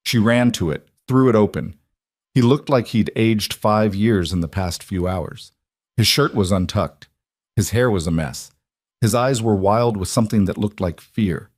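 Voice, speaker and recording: A man's voice: on the low side, a little slow, no echo, studio quality. A man reading scripted dramatic narration in terse, clipped sentences.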